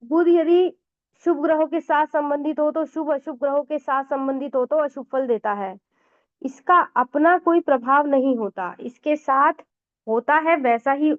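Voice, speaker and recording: A woman astrologer giving a conversational astrology lesson, explaining with frequent fillers and mixed-in English words. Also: sits high. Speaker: Vedic astrologer teacher. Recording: tinny phone-like audio.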